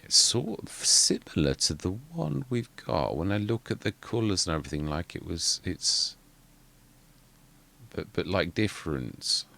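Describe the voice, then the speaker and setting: In casual commentary on a farming game, a male gaming host wanders off track, mutters asides, and often backtracks mid-sentence. His voice is deep, quiet, creaky, and sing-song, and he talks a little slowly.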